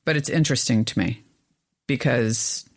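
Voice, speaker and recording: A woman co-hosting a podcast, chatting casually and telling stories with lively, exasperated pitch jumps. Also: moderate pace, vocal fry. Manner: animated storyteller, rises in pitch when exasperated. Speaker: podcast co-host. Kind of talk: casual chat.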